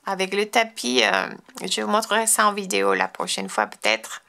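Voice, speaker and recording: Gravelly-voiced French woman showing crafts. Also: mid-range voice, very animated, moderate pace, sharp tone. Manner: chatty, enthusiastic, frequent restarts and fillers. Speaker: crafting tutorial host. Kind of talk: casual show-and-tell tutorial.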